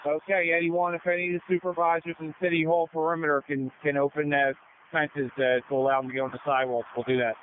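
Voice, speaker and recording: A man reporting from the field as a police officer over radio, in a halting, matter-of-fact way. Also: a little high, flat delivery, narrow, tinny audio. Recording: thin noisy police radio, faint hiss.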